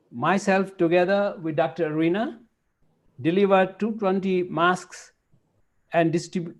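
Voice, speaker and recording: A man serving as club president, making formal announcements to an online meeting. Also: high voice.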